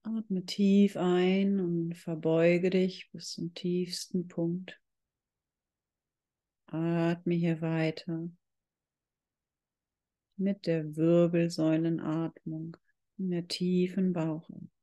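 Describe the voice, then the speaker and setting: A yoga instructor guiding a meditation in calm, measured, drawn-out phrases. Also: medium pitch. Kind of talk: slow guided yoga meditation.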